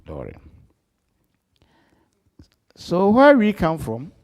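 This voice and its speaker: A middle-aged man from Ghana with a Ghanaian accent, an apostle giving a live-streamed church address that swings between loud emphasis and soft asides. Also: high-pitched, huge pitch swings, slow. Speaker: apostle preaching.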